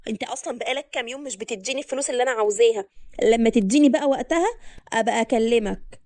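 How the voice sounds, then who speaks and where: A woman's voice: fairly high pitch, rapid-fire, mellow, no echo, close to an everyday voice. A woman voicing a defiant, greedy young girlfriend who talks back indignantly.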